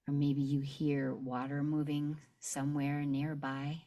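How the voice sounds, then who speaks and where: In a low, mellow, level voice, a woman leads a guided meditation. She talks gently and very slowly, taking the listener through a visualization in short phrases separated by long pauses.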